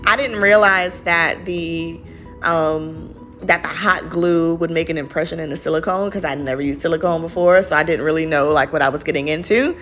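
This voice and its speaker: A woman's voice: sits low, moderate pace, fairly bright tone. A young woman, chatting and rambling in a casual voice-over about her crafts. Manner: chatty and rambling, lots of fillers. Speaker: craft vlogger. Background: faint background music.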